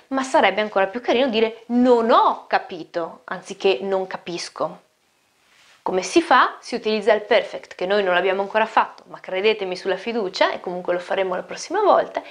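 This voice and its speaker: A woman with an Italian accent teaching an online German lesson, chatty, slowing down to repeat phrases clearly and often asking "ok?". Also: medium pitch.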